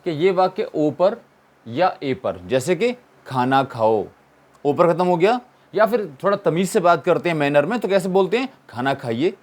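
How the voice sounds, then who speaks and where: A man teaching an English grammar lesson, asking questions and answering them himself and repeating the key points. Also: a little high. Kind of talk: classroom-style explanation.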